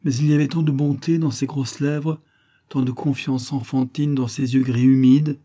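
A man reading a novel aloud in a measured storytelling manner. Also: medium pitch, flat delivery, warm tone. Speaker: audiobook reader. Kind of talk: literary narration.

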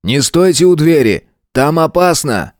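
A man voicing a calm, commanding male lawyer giving firm, clipped orders in a crisis. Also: medium pitch, a little slow, no echo, studio quality, lightly acted.

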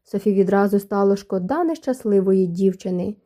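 Dark-toned woman narrating a novel. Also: medium pitch, normal speed. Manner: even, storytelling delivery. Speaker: audiobook narrator. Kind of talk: scripted narration.

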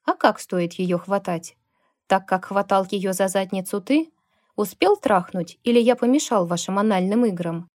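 A woman's voice: mid-range voice, moderate pace, a little mellow, dry recording, studio quality, close to an everyday voice. A woman voicing a sneering, spiteful young man. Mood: mocking. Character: rude bitter young man, venomous, mocking.

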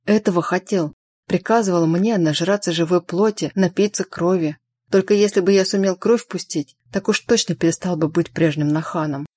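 A woman's voice: on the low side, normal speed, warm tone, dry recording. A woman doing a frightened old innkeeper. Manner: anxious, hoarse pleading. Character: frightened grey-haired old male innkeeper.

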